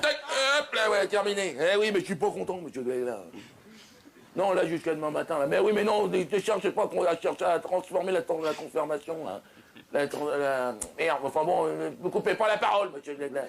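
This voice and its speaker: A man's voice: on the high side, moderate pace, vocal fry, a little hiss or hum. A man playing an exasperated middle-aged doctor on a night call, chatty and impatient, talking over everyone in a one-man comic sketch.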